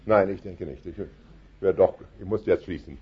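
A man preaching an evangelistic sermon, fervent and penetrating, dropping soft and then rising to loud emphatic cries. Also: low voice, moderate pace, slightly rough, dull audio.

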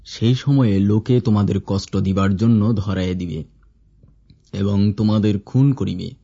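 A man reading scripture aloud in a measured, formal recitation. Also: fairly low pitch, fairly even intonation, gravelly, mellow, husky. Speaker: scripture reader. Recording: dull lo-fi recording.

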